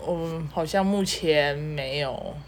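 A woman, co-hosting a casual podcast chat and telling stories quickly with giggles. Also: sits low, slight background noise. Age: 30s. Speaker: podcast co-host.

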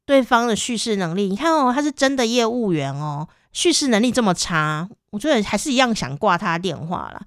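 A woman hosting a podcast, telling a personal story in a casual, animated way and laughing often. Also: mid-range voice, brisk, few pauses, smooth, no room sound, clean studio sound. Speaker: podcast host. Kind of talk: casual chat.

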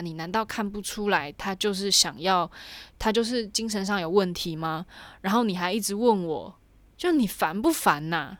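Young woman, animated chatty storytelling, mid pitch, dry close sound. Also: no echo. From Taiwan. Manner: animated, chatty, lots of fillers. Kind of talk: casual storytelling.

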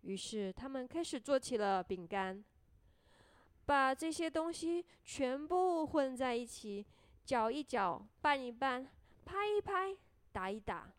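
Gentle high-voiced woman telling a children's story. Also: lively intonation, measured pace, clear, resonant tone, no echo. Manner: gentle, sing-song reading.

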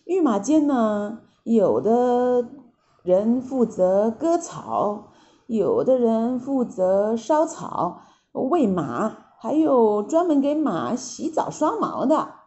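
A woman narrating a classic tale for children, slow and expressive, speaking directly to her listeners. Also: on the high side, muffled recording. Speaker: storyteller.

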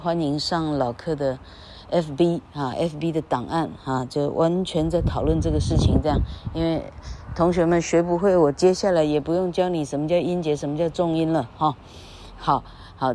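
With slight background noise, a woman with a low, mellow voice teaches English vowels in a casual spoken lesson recorded under an elevated railway bridge. She speaks relaxed, Taiwanese-accented Mandarin, draws out every vowel while demonstrating, and tacks a little "ha" onto her phrases.

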